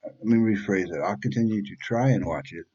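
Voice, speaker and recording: A man's voice: lowish voice, a little fast, dark tone, husky, lo-fi sound. Blunt, rambling man in his fifties. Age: 50s. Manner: blunt, rambling, defensive, swears freely. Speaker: YouTube reaction channel host. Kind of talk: casual monologue to camera.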